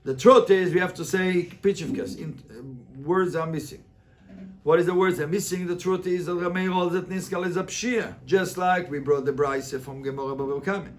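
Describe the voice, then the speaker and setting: A high, steady voice at normal speed carries over slight background noise. The man, a rabbi, gives an interactive Talmud class, reading and translating line by line while posing emphatic questions and repeating phrases.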